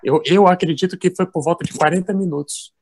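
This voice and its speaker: Relaxed man chatting in an interview. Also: high-pitched, brisk. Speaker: guest athlete. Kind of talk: casual interview chat.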